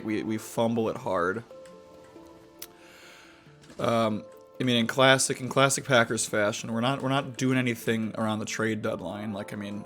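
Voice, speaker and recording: Young man, casual game commentary, halting and rambling, medium pitch, faint background music. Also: a bit bright. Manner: rambling, halting, many fillers and restarts. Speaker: gaming video host.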